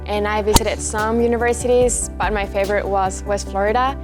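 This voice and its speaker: A woman's voice: mid-range voice, steady tone, fairly quick. A young woman from Ecuador, a student athlete, speaking earnestly about her college life. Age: young adult. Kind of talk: interview talk. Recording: music bed underneath.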